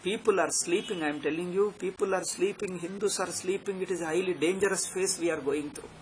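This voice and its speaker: A South Indian man with a fairly high voice delivers an unscripted religious discourse. He is emphatic and repetitive, pressing his points like a teacher, with faint noise behind him. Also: fairly quick, low-quality recording. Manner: emphatic, repetitive exhorting with tag questions. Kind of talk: spiritual discourse, extempore. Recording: background noise.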